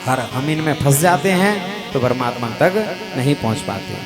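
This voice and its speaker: A man preaching a devotional sermon, telling sacred stories and sinking his voice low and soft at the ends of phrases. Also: expressive, normal speed, over loud music. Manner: storytelling, drops voice low and soft at line ends. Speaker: Bhagavat katha preacher. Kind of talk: devotional sermon with chanted Sanskrit verses. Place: live katha gathering with music accompaniment. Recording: musical instruments playing behind.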